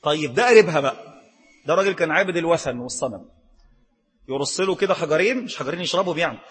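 A man's voice: on the high side, expressive, rapid-fire, slightly rough, in a large hall. A man with an Egyptian Arabic accent preaching a sermon, firing rhetorical questions at the listener and moving between formal recitation and colloquial asides.

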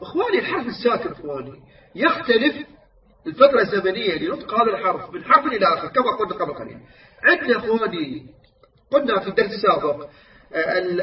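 A man teaching Quran recitation rules, explaining mistakes and slowly chanting the correct examples. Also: sits high. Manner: explains errors then models recitation, drawn-out chanted examples. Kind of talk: tajweed lesson with recited examples. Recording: echoey, distant, muffled recording.

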